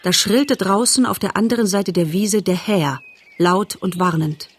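A woman reading a storybook aloud as narrator, calm and measured. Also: medium pitch, noisy background. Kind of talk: audiobook narration.

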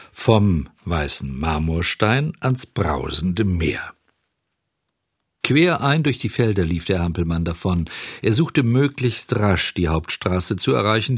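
A man reading a children's story aloud as narrator, calm and measured. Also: fairly low pitch, husky, dry recording, studio quality. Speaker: audiobook narrator.

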